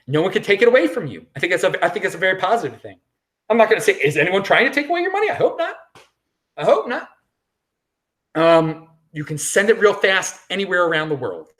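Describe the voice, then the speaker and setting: A man's voice: high-pitched, fast. A man hosting his own show, delivering an emphatic solo opinion monologue, repeating phrases for emphasis. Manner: emphatic, repetitive, animated. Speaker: show host.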